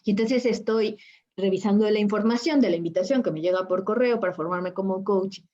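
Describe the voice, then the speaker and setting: A woman's voice: mid-range voice, a little fast, mellow, dull audio. A woman who works as a spiritual coach, telling a personal story in an interview and acting out her own past reactions.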